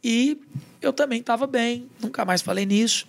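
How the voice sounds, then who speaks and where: A man's voice: extremely high pitch, normal speed, vocal fry. A man with a Brazilian accent, a pastor and podcast guest, telling a personal testimony in casual chat and acting out the dialogue in a raised voice. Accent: Brazilian Portuguese. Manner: lively retelling that acts out quoted dialogue in a raised voice.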